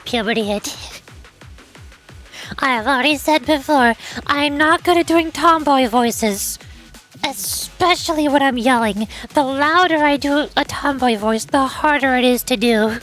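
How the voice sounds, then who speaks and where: A woman's voice: sits high, a little slow, fairly bright tone, soft background music. A woman who does amateur voice acting, talking in casual asides. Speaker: amateur voice actor.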